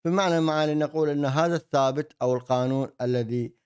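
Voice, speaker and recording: A man explains ideas in a monologue, haltingly, often repeating himself as he searches for words. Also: on the high side, darkish tone, clear, resonant tone. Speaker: host, commentator. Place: indoor desk setup with virtual backdrop. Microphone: desk microphone on an arm.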